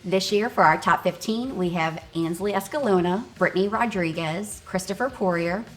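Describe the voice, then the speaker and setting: Woman narrating, low-pitched, music behind. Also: normal speed. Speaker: show narrator and organizer. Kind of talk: documentary voice-over narration.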